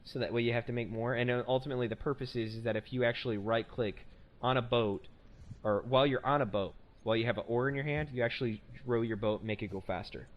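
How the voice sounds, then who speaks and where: A man's voice: mid-range voice, steady tone, fast talker, muffled recording. A man hosting a casual podcast, rambling and self-correcting with a joking tone. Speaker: podcast host.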